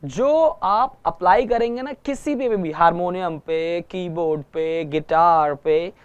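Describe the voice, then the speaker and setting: A man's voice: sits high, slow pace, clear, resonant tone, lo-fi sound. A man teaching a guitar lesson, patiently repeating each point and checking that everyone follows. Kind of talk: online music lesson.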